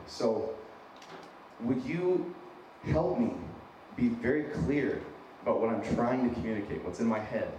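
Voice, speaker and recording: This sermon comes from a man in his thirties, a San Diego native raised in Wyoming, whose American accent carries a slight Minnesotan touch. He speaks in a medium-pitched, darkish voice, staying informal, earnest and self-deprecating and echoing key phrases for emphasis. The very echoey, noisy hall is picked up by a faraway mic, with an audience present.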